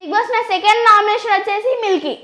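A child who rapidly accuses the others in a playful staged reality-show skit. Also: very high voice, sharp tone, reverberant. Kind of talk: playful argument.

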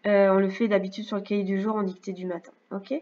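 A woman teacher giving a remote reading and maths lesson to young children, speaking slowly and clearly and often checking in with "d'accord?". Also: mid-range voice, flat delivery, mellow. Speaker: first-grade teacher. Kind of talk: remote lesson narration over slides. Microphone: computer mic. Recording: slightly dull lo-fi sound.

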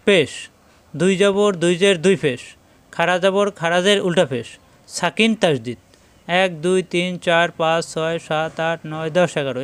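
A man's voice: sits high, a bit bright, clear, resonant tone. A man teaching Quran reading step by step, patiently repeating each example syllable by syllable. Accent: Bangladeshi Bengali. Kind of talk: step-by-step recitation lesson.

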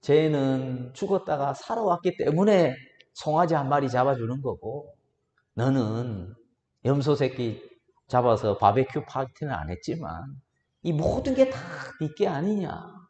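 Preacher doing a soft slow old dad voice, gentle, echoey church. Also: male voice, medium pitch, big pitch swings. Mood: coaxing. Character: gentle old father, patient and soothing. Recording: roomy church hall reverb.

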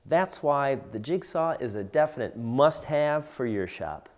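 A man in his forties gives a tool demonstration tutorial in his indoor home woodworking shop, explaining each tool plainly and steadily as he shows it. His medium-pitched voice is animated and measured, with a slight hiss or hum.

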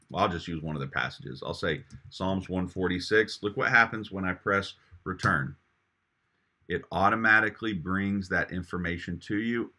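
A middle-aged pastor records a screen walkthrough, his voice fairly low yet bright and forward. He talks with eager enthusiasm, pausing on ums and restarting phrases as he clicks along. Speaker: pastor giving a software tutorial.

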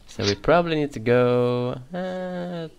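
A man's voice: fairly high pitch, creaky, darkish tone, clean tone. A man hosting a casual co-op gaming session, joking and laughing often. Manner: giggly, jokey, laughs often. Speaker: let's play host.

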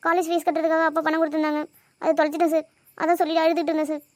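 A guilt-ridden young female college student in a cartoon, voiced by a woman, apologizing and pleading. She speaks very fast in a high voice, recorded dry. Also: flat delivery, darkish tone, no room sound. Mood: apologetic. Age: young adult. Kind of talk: animated cartoon dubbing.

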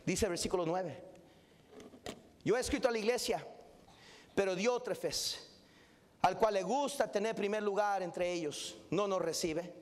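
A man, a pastor preaching a fervent sermon in a large church auditorium and rising into shouts. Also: high voice, unhurried, long pauses.

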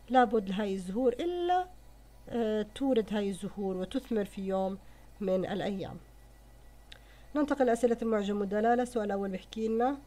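Fast-talking woman teacher. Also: medium pitch, mellow. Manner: mixes formal Arabic with colloquial explanation. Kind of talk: explaining a poem in an Arabic lesson.

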